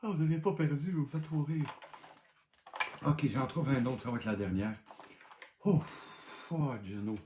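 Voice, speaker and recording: A man's voice: medium pitch, unhurried, long pauses, roomy sound, noisy background. A man with a Québécois accent hosting a live-streamed game night, laughing often and exclaiming as he reads answers aloud over and over. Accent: Québécois French.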